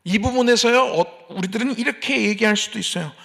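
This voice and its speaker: A man's voice: sits high, brisk, creaky, a bit bright. A man preaching a sermon as pastor at an early morning church service, rising into emphatic appeals and acting out complaining believers. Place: church sanctuary.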